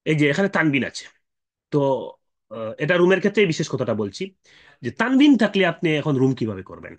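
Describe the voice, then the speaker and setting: A man teaching Quran recitation rules, explaining patiently with fillers and checking questions, and chanting drawn-out examples. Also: a little high, very animated. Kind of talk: explanatory tajweed lesson.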